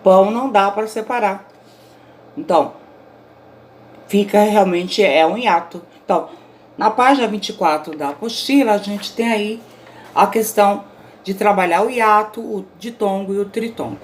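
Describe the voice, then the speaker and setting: A woman teacher talks through a recorded grammar lesson at a steady, patient pace and keeps checking in with her students. A faint hiss sits under her voice in a home recording. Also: mid-range voice, moderate pace. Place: indoors, self-recorded at home.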